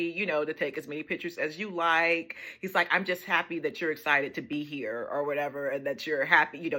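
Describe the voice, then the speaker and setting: A woman's voice: sits low, sharp tone. A woman telling a casual vlog story about a shopping trip, chatty, laughing often and acting out the dialogue. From United States. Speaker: vlogger.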